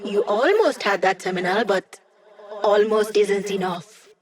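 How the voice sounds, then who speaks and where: A woman's voice: medium pitch, measured pace, close to an everyday voice. An actress playing an upbeat, wry female hacker who gives a squad mission support in a video game, with playful, teasing, casual delivery. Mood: brisk, focused.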